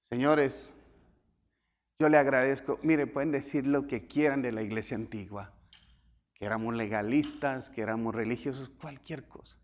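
A male pastor telling stories in a sermon, swinging from loud, high bursts to hushed, near-whispered lines. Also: normal speed. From Colombia. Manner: animated storytelling with sudden drops to near whisper. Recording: dull echoey church hall.

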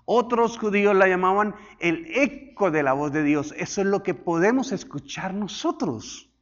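A male pastor preaches a sermon, swinging between loud declarations and hushed asides and having the congregation repeat after him. His voice is high and animated at a moderate pace. The audio sounds dull.

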